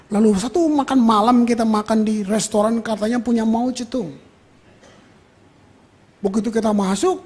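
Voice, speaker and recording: A man's voice: very high voice, darkish tone, husky. A male pastor preaching a sermon in a colloquial storytelling manner, speaking directly to the congregation.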